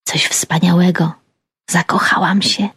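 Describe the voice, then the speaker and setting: A woman reading an audiobook, voicing an excited young woman who confides that she is in love. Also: mid-range voice, a little fast, dry recording, lightly acted. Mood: confiding. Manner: confiding, hushed, eager.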